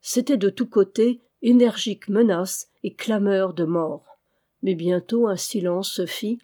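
A woman narrating a classic adventure novel aloud in a measured, expressive way. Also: medium pitch. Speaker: audiobook reader.

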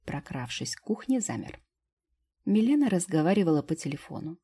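Woman, audiobook narrator, husky, low, mellow, intimate storytelling. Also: big pitch swings, a little fast. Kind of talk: first-person audiobook narration.

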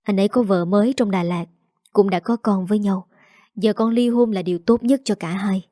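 A woman voicing a strong, resigned young wife who speaks quietly. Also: mid-range voice, moderate pace, no echo, studio quality, close to an everyday voice.

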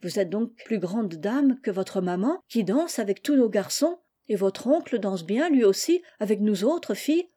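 A woman's voice: medium pitch, lively intonation, moderate pace, hardly any pauses, dark tone, natural voice. A woman voicing an outspoken country bride who bluntly scolds a snobbish girl in an audiobook reading. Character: frank, spirited peasant bride at a village wedding.

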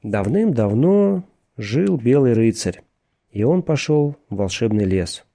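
A man's voice: medium pitch, animated, slow, mellow. A man voicing an exhausted young male walker who is desperate and defiant, pleading and breaking into raw outbursts. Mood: weary storytelling.

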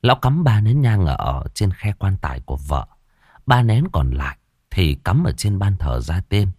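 A man with a deep, low voice tells a story with lively, rising and falling delivery. The sound is dry and close, with no room echo. He narrates expressively, leaning into each turn of the tale. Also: moderate pace, slightly rough.

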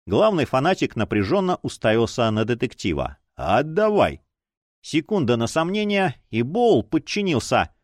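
Lively male audiobook narrator. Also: medium pitch, no room sound, clean studio sound. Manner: expressive, lively.

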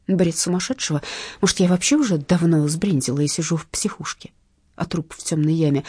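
A woman narrating a first-person audiobook in an expressive, lively reading. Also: deep voice, husky, no echo, clean studio sound.

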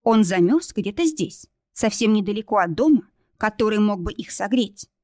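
A woman's voice: medium pitch, animated, normal speed, dark tone, dry recording, studio quality. A woman reading a novel aloud as narrator, in a tense, dramatic storytelling manner. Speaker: audiobook narrator.

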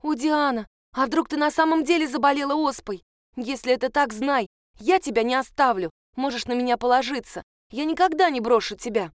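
A woman voicing an imaginative, excitable girl who talks in a breathless, theatrical, gushing way. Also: sits high, a little fast, no room sound, studio quality, natural voice. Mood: pleading, anxious.

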